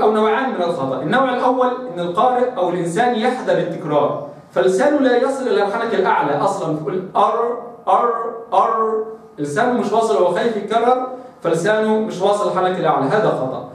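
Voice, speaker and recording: A man, teaching Quran recitation pronunciation, repeating the rolled r aloud and calling the listener brother. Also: high voice. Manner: addresses listener as brother, asks them to try. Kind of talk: explanatory lesson on pronunciation. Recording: echoey room, voice from a distance.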